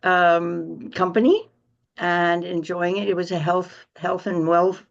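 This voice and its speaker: A woman co-hosting a podcast interview, speaking in an unhurried, complimentary way. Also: fairly low pitch, steady tone, vocal fry, muffled recording. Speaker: podcast co-host.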